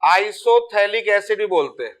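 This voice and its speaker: A man's voice: high-pitched, lively intonation, normal speed, fairly bright tone. A man teaching chemistry, talking casually and repeating key terms while checking that students follow. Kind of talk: board lecture.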